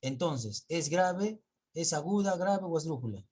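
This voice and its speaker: Husky-voiced male teacher quizzing his class. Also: a little high, lively intonation, unhurried, a little mellow. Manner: explains step by step and quizzes students. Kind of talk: classroom grammar lesson.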